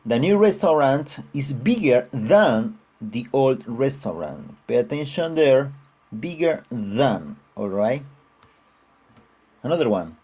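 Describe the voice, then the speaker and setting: Man, grammar teacher, slow and deliberate, husky mellow tone. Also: medium pitch. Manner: patient, repeats examples, frequent "all right?" checks. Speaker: English teacher. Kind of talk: online grammar lesson.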